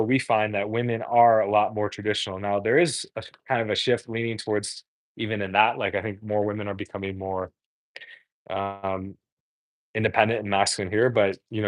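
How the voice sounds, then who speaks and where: Here the dating coach host, born in Korea and brought up in the US, has a lowish voice with no echo on the recording. He's cooking on a livestream and chatting candidly, rambling with plenty of fillers and restarts.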